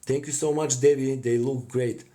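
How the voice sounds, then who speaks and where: A man in his thirties from Bulgaria, with a Bulgarian accent, chatting casually with viewers on a phone live stream while he paints at a home craft table, often pausing with "uh". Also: mid-range voice, fairly even intonation. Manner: chatty, warm thanks to viewers, frequent "uh" pauses. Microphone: phone camera close in front.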